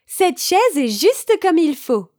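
A woman voicing Goldilocks, a curious little girl, exclaiming in a high, drawn-out voice in a storybook reading. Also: very animated, a little mellow, full character voice.

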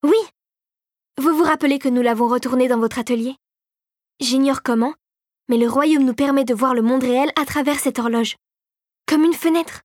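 A woman voicing an eager, excitable young girl inventor in an audiobook, in a high, breathless voice. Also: moderate pace, long pauses, dry recording, clean studio sound. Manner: breathless, excited, pitched high above the narration. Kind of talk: audiobook character voice.

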